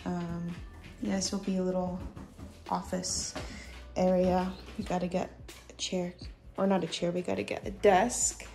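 A woman's voice: fairly low pitch, flat delivery, measured pace, vocal fry, long pauses, dark tone, soft background music. A young woman giving a casual, rambling house tour, filming on a handheld phone indoors. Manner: rambling, filler-heavy, coos to her dog. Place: small new house, indoors. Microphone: handheld phone camera.

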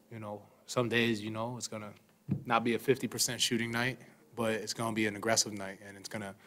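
Relaxed young man at a press-room desk mic. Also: fairly low pitch. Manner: relaxed, thoughtful, many fillers. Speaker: basketball player at a postgame press conference. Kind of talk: press conference answers. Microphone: desk microphone.

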